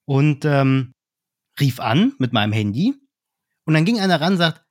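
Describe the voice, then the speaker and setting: German man telling lively sales stories. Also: a little high, a little slow, dry recording, studio quality. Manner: lively storytelling, acting out phone calls. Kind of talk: casual business chat.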